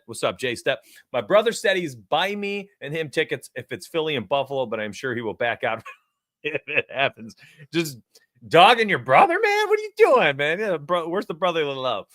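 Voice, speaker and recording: A man's voice: a little high, dry recording, studio quality. A forty-year-old man from New York, hosting a sports betting live stream and chatting energetically with his viewers. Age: 40s. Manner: energetic, talks straight to chat. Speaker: sports betting show host. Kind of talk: casual live-stream chat.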